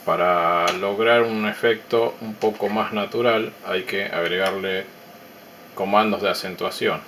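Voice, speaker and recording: A man calmly narrating a technical demo of his electronics project in a measured, explanatory way with pauses. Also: fairly low pitch, a little hiss or hum.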